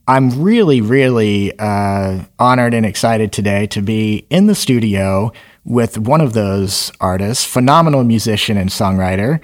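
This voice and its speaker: Low-voiced man hosting a studio podcast. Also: lively intonation. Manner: friendly, halting with many fillers and restarts. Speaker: podcast host. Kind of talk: casual interview.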